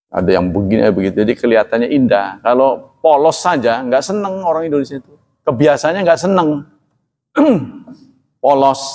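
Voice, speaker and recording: Man, preacher, plain even delivery, religious lecture, long hall reverb. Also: medium pitch. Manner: plain, even delivery, calls himself flat-spoken; asks listeners for agreement often.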